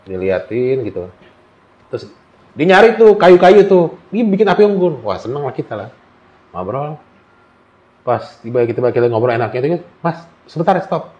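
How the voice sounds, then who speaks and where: A man's voice: medium pitch, normal speed, long pauses, lo-fi sound. A man telling a story in casual conversation, acting out the dialogue. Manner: animated, acts out dialogue. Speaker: guest storyteller.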